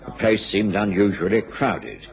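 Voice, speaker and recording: An actor playing a courteous, earnest doctor who serves as narrator in a radio drama. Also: male voice, fairly low pitch, unhurried. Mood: measured storytelling.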